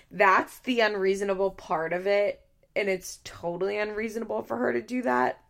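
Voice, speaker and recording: A woman with a Valley Girl accent and vocal fry, hosting a casual podcast recap, full of "like" fillers and amused swearing. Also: medium pitch, a little slow. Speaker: podcast host. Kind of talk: casual reality-TV recap monologue.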